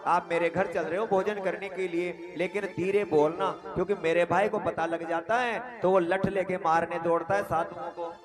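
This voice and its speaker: Male narrator as meek, devout villager, high voice. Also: little pitch movement, moderate pace, few pauses, natural voice. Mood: pleading. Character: pious, gentle village brother.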